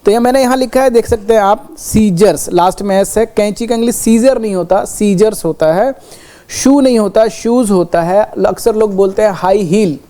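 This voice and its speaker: A woman teaching English grammar in a classroom lesson. She explains with everyday examples, checks in with "okay" again and again, and slows right down to spell out the English example sentences. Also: medium pitch, dark tone. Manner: explains with everyday examples, repeats "ठीक है" often.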